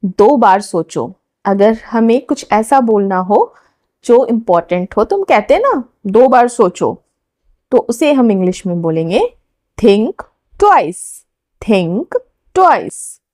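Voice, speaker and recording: Slow, lively woman teaching English phrases. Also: medium pitch, dry recording. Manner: says each English phrase slowly twice for learners to repeat. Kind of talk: slow, deliberate spoken-English lesson.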